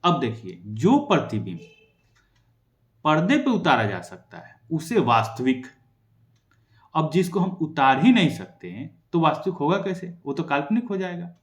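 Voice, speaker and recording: A young man teaching an exam-prep science lesson, quickly asking and answering his own questions. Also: a little high, sing-song, echoey room.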